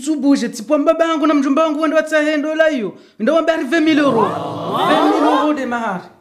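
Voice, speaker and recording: An actor with a Comorian French accent playing a loud, joking boyfriend who mixes Comorian and French. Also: high-pitched, normal speed, noisy background, natural voice. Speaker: boyfriend short of dowry.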